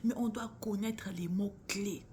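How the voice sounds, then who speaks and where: Woman talking faith to her viewers, keeps going soft and whispery, middle pitch, bit of background hiss. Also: steady tone, a little slow. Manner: earnest, addresses listener as sister or bro; often drops to a whisper. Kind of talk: casual faith talk to viewers.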